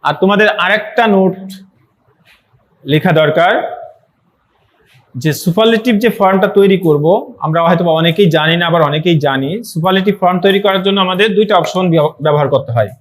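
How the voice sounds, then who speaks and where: Male tutor, high-ish voice, online grammar class, repetitive and encouraging. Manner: repeats words slowly for students to say aloud; encouraging, motivational asides. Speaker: English teacher.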